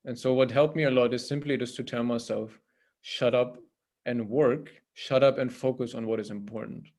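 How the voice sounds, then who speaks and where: A man talks over a video call in an unhurried, informal way. He stumbles and repeats words as he gathers his thoughts. He keeps turning to his listeners with a questioning "right?". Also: medium pitch, fairly even intonation, a little mellow. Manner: hesitant, repeats words, often asks "right?". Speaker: temple priest and guest speaker.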